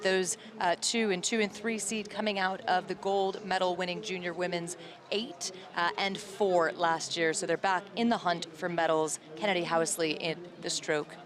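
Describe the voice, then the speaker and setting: A woman's voice: on the low side, steady tone, moderate pace, a crowd in the background. A woman calling a rowing race live as a sports commentator.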